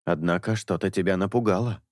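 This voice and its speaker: A man voicing a patient young priest in an audiobook, coaxing and reasoning in a low voice. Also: brisk, a little mellow, no room sound, clean studio sound, natural voice. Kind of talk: audiobook character dialogue.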